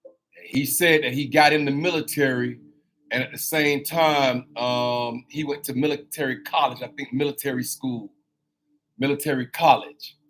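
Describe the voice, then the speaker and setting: A man's voice: mid-range voice, fairly even intonation, normal speed, a bit bright. A man in his fifties hosting a motivational talk. He preaches animatedly, repeats phrases for emphasis and speaks straight to his listeners. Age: 50s. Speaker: host.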